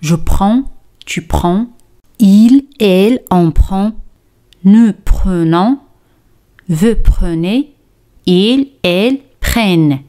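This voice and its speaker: Woman teaching french really slow, says each phrase twice, steady mid voice. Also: mid-range voice. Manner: slow, deliberate, repeats phrases for drilling. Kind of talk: slow scripted language lesson.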